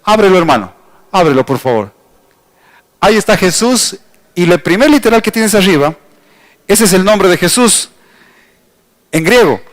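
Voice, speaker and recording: High-voiced Ecuadorian pastor teaching. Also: male voice, expressive. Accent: Ecuadorian Spanish. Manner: explanatory, addresses the congregation directly, slows to spell out words. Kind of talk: teaching sermon. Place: church hall.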